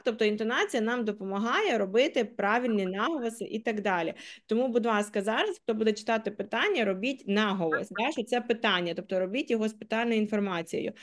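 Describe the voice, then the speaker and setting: A woman teacher explaining English grammar and intonation to adult learners, modelling stress on example sentences. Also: mid-range voice. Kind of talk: online class teaching.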